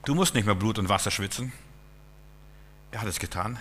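A man preaching a sermon in German, telling stories and swinging between hushed asides and loud declarations. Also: on the low side, moderate pace, slight background noise. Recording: long hall reverb.

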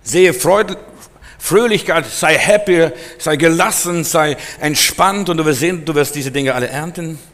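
A man preaching a sermon with a somewhat high voice, hammering his points home through repetition and sudden loud-soft swings. He is heard in a church hall whose long reverb trails after every phrase. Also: a little slow.

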